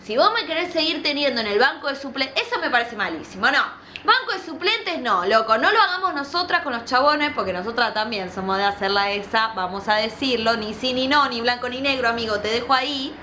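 A woman with a Rioplatense Argentine accent reads a viewer's love story aloud and reacts with animated outrage and crude slang. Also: fairly high pitch, fairly quick, slight background noise. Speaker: youtuber.

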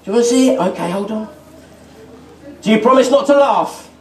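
A man's voice: sits high, fairly quick, a little mellow, recorded from a distance. A middle-aged British man doing exuberant kids party magician patter, calling out questions to the children. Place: on stage in a festival marquee. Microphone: distant audience camera picking up amplified voice. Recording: echoey tent PA, picked up from afar.

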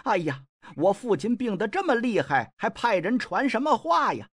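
Guy doing a young lord begging, higher voice, drawn-out tearful pleading. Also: very animated, fairly bright tone, slightly rough, dry recording, studio quality, heavily acted. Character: desperate pleading young nobleman, eldest son.

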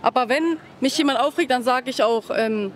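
A woman's voice: sits high, moderate pace. Outspoken young woman on the street. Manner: outspoken and animated, acting out her own replies. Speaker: passer-by interviewee. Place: busy city shopping street outdoors. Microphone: handheld microphone held by interviewer.

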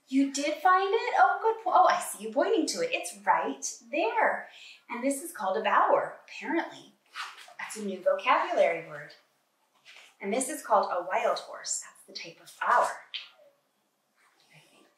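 In an echoey kitchen at home, a middle-aged preschool teacher sits at the table and reads a picture book aloud, sounding animated and encouraging as she gasps, exclaims, and asks little listeners questions. Her fairly high voice is picked up far from the mic.

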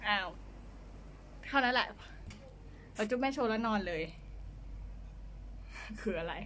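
A woman's voice: fairly high pitch, lively intonation, unhurried, sharp tone, slight background noise. A woman chatting casually on a home live stream, coaxing and baby-talking her pets. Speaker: pet owner streaming live to fans. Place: home condo room.

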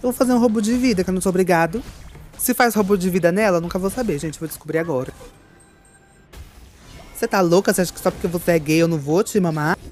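A woman's voice: fairly low pitch, fast, a little mellow, soft background music. A woman giving live gameplay commentary, campy and theatrical, with playful swearing at her opponents. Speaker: gaming streamer.

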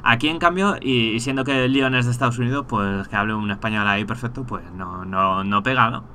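Guy from thinking out loud while gaming, medium pitch, gets worked up fast. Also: slight background noise. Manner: thinking aloud, quick asides, excited rants. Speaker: gameplay streamer. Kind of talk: casual let's-play commentary.

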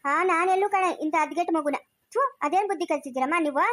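A woman playing a shrill scolding village granny. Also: fairly bright tone. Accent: rural Chikkaballapur Kannada. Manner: quarrelsome, scolding, fast-talking. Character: scolding old village grandmother, sharp-tongued, protective. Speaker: skit actor. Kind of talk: comic village family skit.

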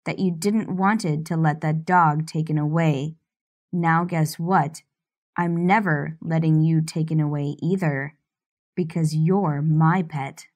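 A woman's voice: low-pitched, darkish tone, voice pushed down. Woman putting on a cold, possessive man's voice. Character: possessive domineering young man, cold and commanding.

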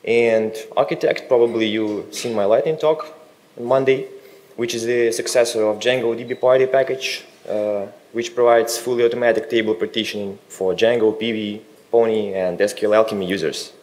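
Man giving a relaxed tech talk. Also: on the low side, moderate pace. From Russia. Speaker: conference speaker. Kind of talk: technical conference talk. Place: conference hall.

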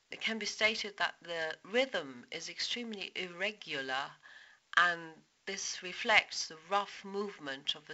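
A woman with a low, very bright voice explains a poem at an unhurried pace, picking apart its rhythm and imagery. The recording sounds a little dull and muffled. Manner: explanatory, stresses meter aloud. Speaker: literature teacher. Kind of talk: poetry analysis lecture.

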